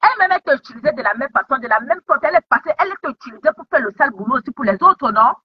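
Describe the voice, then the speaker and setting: Scolding woman with a lively high voice. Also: very fast. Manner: scolding, repeats taunting questions. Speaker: online commentator. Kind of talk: heated social media commentary. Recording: dull lo-fi sound.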